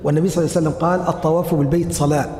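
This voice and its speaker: A man's voice: a little high, flat delivery, rapid-fire, dark tone. A man giving a religious lecture, demonstrating steps and asking and answering his own questions. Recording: long hall reverb.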